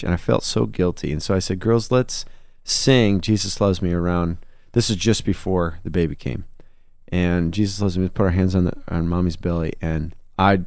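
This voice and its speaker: A man's voice: low voice, gravelly, a little mellow, dry recording, studio quality. A man, a songwriter and musician, in a conversational interview, telling a personal story in an earnest, reflective way. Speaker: guest.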